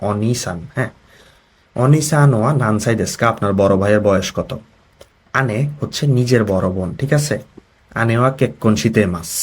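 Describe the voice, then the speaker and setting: Teaching Japanese vocabulary, a man with a Bangladeshi accent walks through each word, then reads an example sentence and translates it, often checking that learners follow along. His voice is on the low side, darkish in tone, with a breathy edge.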